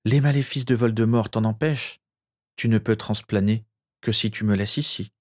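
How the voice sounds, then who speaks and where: A man's voice: lowish voice, normal speed, darkish tone, no echo, studio quality, natural voice. A man voicing a young wizard in agony, despairing, sobbing and pleading in a strained voice. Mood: weak, resigned. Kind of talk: amateur audiobook character voice.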